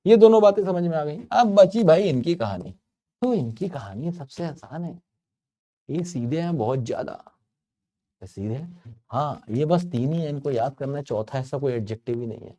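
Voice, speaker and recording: A man's voice: fairly high pitch, expressive, normal speed, mellow. A man teaching a grammar lesson in a chatty, storytelling way, playfully stretching out words to make a point. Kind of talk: explaining English grammar to learners.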